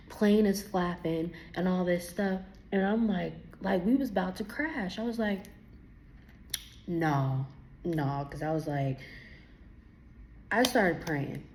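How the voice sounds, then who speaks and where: A young woman tells her faith testimony in a casual, lively way and acts out the conversations she describes. Her voice is low and gravelly, with fry at the ends of phrases. She is teary from crying. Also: slight background noise. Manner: animated, acts out her own dialogue. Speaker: vlogger giving a testimony. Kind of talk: casual personal storytelling.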